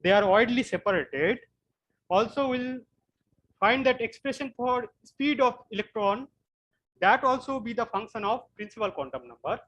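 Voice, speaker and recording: Halting Indian-accented male physics lecturer. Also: extremely high pitch, lively intonation, a bit bright, dull audio. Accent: Indian English. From West Bengal, India. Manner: slow, halting explanation with frequent repetitions. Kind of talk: online class lecture.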